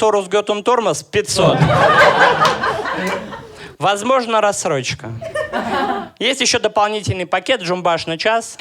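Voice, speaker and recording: A man in his thirties from Russia, performing a stand-up comedy set with deadpan, ironic jokes and crowd work. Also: high voice, slight background noise. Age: 30s.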